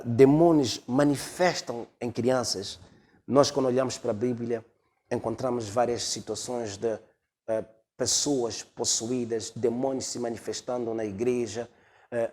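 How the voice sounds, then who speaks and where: A man preaching a sermon as pastor, pausing often on long drawn-out fillers. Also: mid-range voice, a little mellow. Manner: hesitant, many drawn-out fillers.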